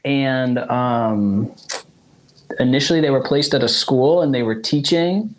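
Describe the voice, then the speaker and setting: A Zulu-speaking South African man in his forties, appearing as a musician guest in a casual interview, tells his family story in a rambling way, laughing often and restarting frequently. His voice is medium in pitch and unhurried. The audio quality is poor.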